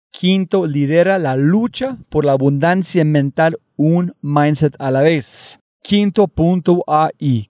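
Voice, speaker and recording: A man hosting a podcast, reading an energetic intro with sudden leaps in pitch for emphasis, then starting an interview. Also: dry recording, clean studio sound. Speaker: podcast host.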